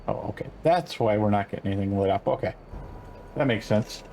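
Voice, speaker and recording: A man's voice: fairly low pitch, brisk, warm tone, a little hiss or hum, rough recording. An older man casually commenting while playing a farming game, rambling along with lots of fillers and restarts. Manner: rambling, laid-back, many fillers and self-corrections. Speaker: gaming channel host.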